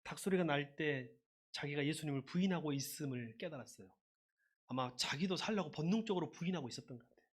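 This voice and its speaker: A man preaching a sermon as a pastor, lively and conversational, leading his congregation in call-and-response shouts. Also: on the high side, quick pace, slightly rough.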